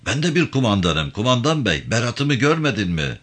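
A man's voice: medium pitch, sing-song, moderate pace, fairly bright tone, breathy edge, pitched above the performer's own voice. A man voicing a simple-minded, boastful rural militia commander who talks in an earnest, pleading way.

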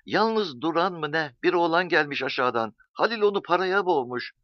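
A man's voice: fairly high pitch, moderate pace, no echo, voice pushed up, lightly acted. A man reading a story, voicing an older village mother who is anxious and emotional. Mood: worried. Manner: excited, pleading, crying out. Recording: dull dry recording.

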